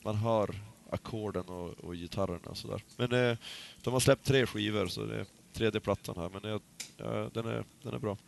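A man's voice: fairly low pitch, steady tone, gravelly, few pauses, slight background noise. A man co-hosting a casual podcast chat, talking hesitantly with many fillers and restarts. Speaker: podcast co-host.

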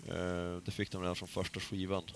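Man, low-pitched, casual podcast chat, hesitant, filler-heavy, slight background noise. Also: monotone, gravelly. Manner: hesitant, many fillers and restarts. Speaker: podcast co-host.

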